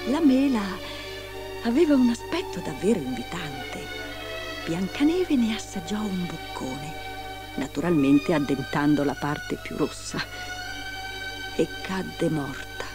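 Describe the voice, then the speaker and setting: A woman reading a fairy tale aloud in an expressive storytelling manner. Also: lowish voice, slow pace, pauses often, music in the background.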